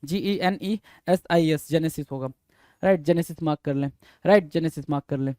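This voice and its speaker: Male exam-prep vocabulary teacher, high-pitched, casual, repeats and spells terms, dry close recording. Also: normal speed, darkish tone, no room sound. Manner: repeats words and spells them out letter by letter; quizzes listeners with rhetorical questions.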